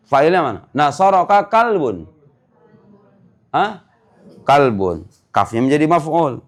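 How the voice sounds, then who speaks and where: Teacher, male, somewhat high pitch, drills the class with rapid questions. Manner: drills students with quick questions, recites examples slowly. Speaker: Arabic grammar teacher. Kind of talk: classroom lesson.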